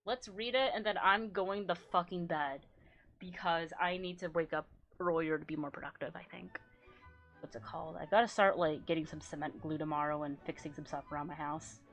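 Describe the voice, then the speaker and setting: A woman streamer chatting casually with a low natural voice, rambling and swearing, often trailing off into quiet mumbles. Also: fairly even intonation, fairly quick, faint music behind. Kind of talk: casual livestream chat.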